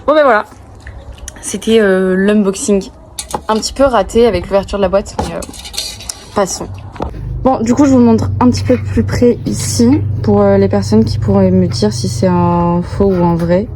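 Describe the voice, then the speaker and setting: A young woman talks to her viewers like a bubbly, excitable friend, gushing and using casual slang. Her voice sits at an average pitch. She records outdoors, with clear traffic noise around her. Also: normal speed. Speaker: vlogger. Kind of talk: casual chat to camera. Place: outdoors near passing cars.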